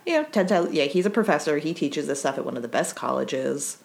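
A woman co-hosting a podcast in casual recap chat, animated, laughing often and saying "like" a lot. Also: deep voice, fairly quick, gravelly. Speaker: podcast co-host.

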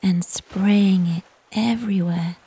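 A woman whispers a guided relaxation story about nature. Her voice is very breathy and soft, with an even, barely moving melody. She goes slowly and soothingly, leaving long pauses between short phrases. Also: medium pitch, low-quality recording.

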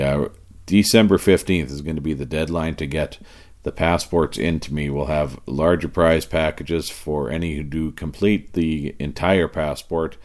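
A very low-pitched man hosts a casual podcast with a Canadian accent. His whiskey voice is raspy and worn, and his delivery is folksy and relaxed. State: raspy from cheering at a game. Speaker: podcast host. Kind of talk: casual solo podcast talk.

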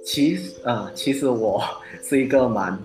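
A man speaks as a podcast guest in Malaysian-accented Mandarin, hesitant and soft-spoken, full of fillers and quick agreement. His voice sits at a middling pitch. It rings in a roomy echo with clear music underneath. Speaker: graphic designer guest. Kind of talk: casual podcast interview.

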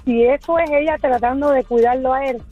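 A woman with a high voice gives firm, no-nonsense advice as she calls in to a radio show. Her phone line sounds dull and muffled. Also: steady tone, a little fast, soft background music. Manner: firm and advising. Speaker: radio caller. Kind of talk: phone-in comment.

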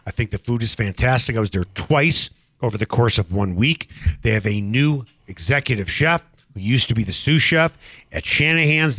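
Man, radio host, chatty, enthusiastic, bright voice, studio. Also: mid-range voice. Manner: enthusiastic, chatty, reads sponsor spots. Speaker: radio talk show host. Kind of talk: casual studio chat.

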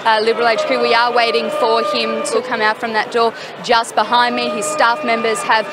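A woman's voice: fairly high pitch, completely flat delivery, brisk. A woman reporting live from a party headquarters, hesitant and waiting for a speech. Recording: loud crowd and noise behind.

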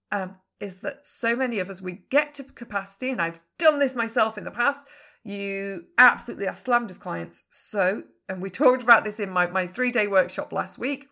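A woman's voice: mid-range voice, gravelly, pushed and bright. A woman business coach giving a frank, emphatic podcast talk, swearing casually now and then. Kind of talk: podcast teaching monologue.

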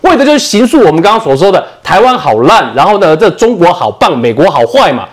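A man with a Taiwanese Mandarin accent holds forth on a televised political panel. His voice sits high and swings widely, and he drives his argument hard with rhetorical questions. He talks fast. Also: sing-song. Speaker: political commentator guest. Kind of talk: heated political talk show debate.

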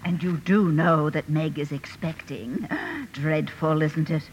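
An actress playing a haughty, blunt old aunt in a 1950s radio drama, tart, grand and disapproving. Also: female voice, low voice, steady tone, slow pace, muffled recording. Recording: slightly noisy old radio broadcast.

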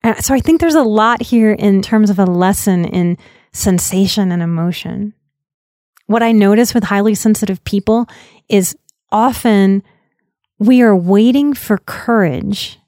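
A woman in her late thirties, a podcast host and life coach, telling a personal story in an earnest, reflective way and slowing down for emphasis. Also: mid-range voice, darkish tone, no echo, studio quality. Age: 30s.

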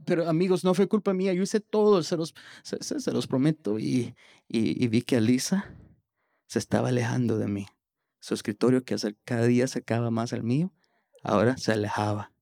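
A man telling a personal story on stage in a lively way, often stumbling over repeated words as he restarts. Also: on the low side, creaky, no echo, studio quality. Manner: animated, with stammered restarts.

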